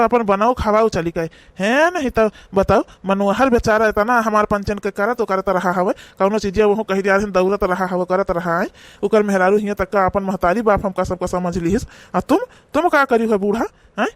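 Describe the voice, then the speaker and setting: A man's voice: sits high, normal speed, dry recording, lightly acted. A man with an Awadhi accent, voicing an older village husband who scolds his wife sternly in a cartoon. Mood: reproachful. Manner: stern, reproachful rural scolding. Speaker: cartoon voice actor.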